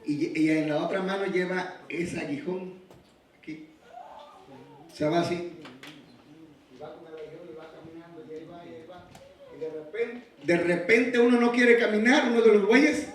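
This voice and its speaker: High-voiced preacher in an echoey hall. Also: male voice, normal speed, long pauses. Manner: builds from soft storytelling to shouted exhortation with rhetorical questions. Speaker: pastor. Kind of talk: sermon. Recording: very echoey church hall, preacher far from the mic.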